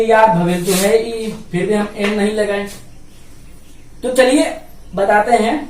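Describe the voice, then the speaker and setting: A man teaching grammar at a board, explaining patiently. He repeats each point and asks his students questions out loud. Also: sits high. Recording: roomy echo from a distance, faint background noise.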